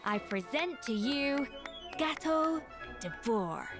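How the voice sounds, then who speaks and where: A woman's voice: high-pitched, expressive, slow pace, over music, full character voice. A woman voicing a proud, elegant and exacting young female chef in a video game, poised and theatrical. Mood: showy.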